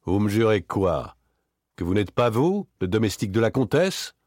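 Brief: male reader as a hard-nosed ex-detective in an audiobook, low husky voice, clipped and exact. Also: big pitch swings, normal speed, darkish tone, no echo. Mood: menacing. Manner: dry, hard, precise. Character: cold, relentless male former police inspector.

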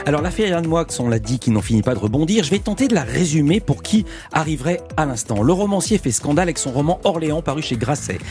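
A man hosting a radio media show from the studio, brisk and lightly self-mocking as he introduces guests. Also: on the high side, sing-song, darkish tone, soft background music. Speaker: radio host.

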